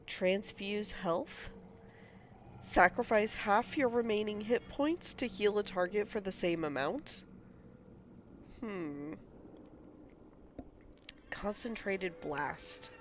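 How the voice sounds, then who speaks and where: A woman with a mid-range, stuffy cold voice hosts a gaming channel, casually commentating a let's-play while reading menu options aloud and musing over them. There's a little hiss or hum in the recording.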